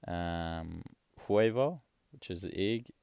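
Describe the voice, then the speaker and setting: A young man chatting casually in a vlog, rambling and relaxed, swearing offhand. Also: sits low, moderate pace, vocal fry, clear, resonant tone, dry recording. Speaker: travel vlogger. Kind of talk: casual chat.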